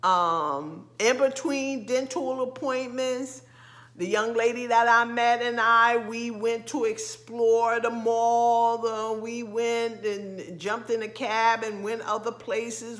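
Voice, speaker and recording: A middle-aged woman from the United States with a slight lisp, talking casually to camera as a vlogger, halting with frequent ums and restarts. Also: fairly high pitch, fairly even intonation, fairly bright tone. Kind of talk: casual vlog talk to camera.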